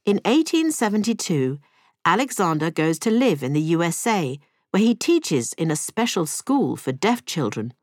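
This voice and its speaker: A woman tells a cartoon story as its narrator, in clear scripted storybook narration. Her voice sits a little low and moves a lot in pitch. The sound is dry and close to the mic. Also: big pitch swings, normal speed, a little mellow, no echo.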